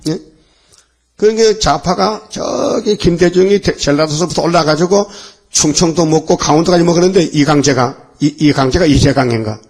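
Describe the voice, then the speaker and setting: A man's voice: fairly high pitch, normal speed. A male pastor preaching a dawn worship sermon in a rambling, fiery way, firing off rhetorical questions.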